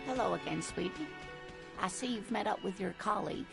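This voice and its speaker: A woman's voice: medium pitch, a little fast, gravelly, over music. An actress voicing a fond, rambling, scatterbrained elderly woman in a video game. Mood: fond teasing. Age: older.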